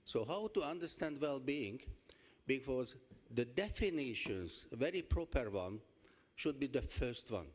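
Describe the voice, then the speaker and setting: Man, middle pitch, conference audience comment, long hall reverb. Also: animated, measured pace.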